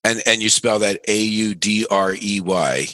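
A man's voice: lowish voice, unhurried, a bit bright, dry recording. A man co-hosting a radio show in a casual, conversational style.

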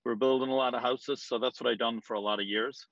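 A man's voice: medium pitch, fairly even intonation, quick pace, a bit bright, no room sound. A man in his forties with an Irish accent, answering interview questions in a rambling, hesitant way with frequent ums. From Ireland. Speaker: real estate agent, guest. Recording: dull lo-fi sound.

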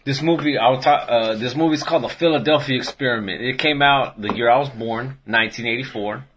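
A man's voice: medium pitch, brisk, fairly bright tone, slight background noise. A man in his late twenties co-hosting a casual podcast chat, laid-back and full of slang. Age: 20s. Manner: laid-back slangy, says fool often. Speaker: podcast co-host.

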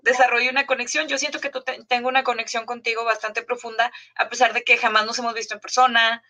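A woman host speaks with a high, bright, sharp voice in casual conversation. She halts often and restarts her sentences with fillers before finishing a thought. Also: flat delivery. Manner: halting, many restarts and fillers.

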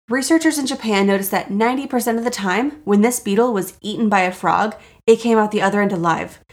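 Woman, podcast host, raspy sore-throat voice, strong vocal fry, mid-pitched, casual, self-deprecating, sweary comedic delivery.

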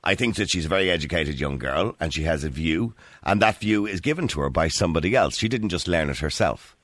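A man with an Irish accent hosting a combative radio phone-in, argumentative, insistent and quick to interrupt. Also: deep voice, lively intonation, fairly bright tone, no room sound. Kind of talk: combative talk radio debate.

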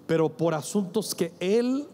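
In a church before a congregation, a male pastor preaches emphatically, acting out quoted dialogue and calling on the congregation to answer him. His voice is high-pitched, expressive, unhurried and mellow, with a little hiss or hum.

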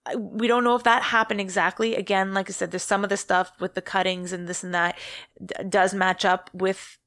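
A woman's voice: mid-range voice, level tone, a little fast, a bit bright, dry recording, studio quality. A woman co-hosting a podcast, casually recounting a true-crime story and often correcting herself mid-sentence. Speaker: podcast co-host.

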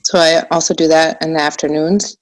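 An American woman with a slight German accent, chatting casually and haltingly in an interview, often restarting her sentences. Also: sits low, steady tone, low-quality recording. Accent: American with a slight German influence. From United States. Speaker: podcast guest, small shop owner.

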